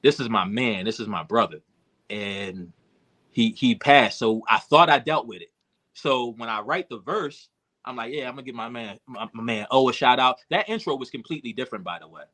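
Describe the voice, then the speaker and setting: Man, bright tense voice, candid rambling storytelling, emotional. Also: mid-range voice, lively intonation, moderate pace. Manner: emotional, reflective, many fillers and restarts. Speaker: podcast guest, rapper and producer.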